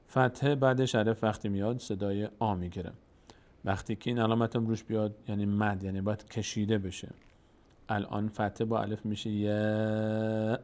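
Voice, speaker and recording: A man teaching Quran recitation step by step. He explains patiently and stretches out sounds slowly to demonstrate them. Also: lowish voice.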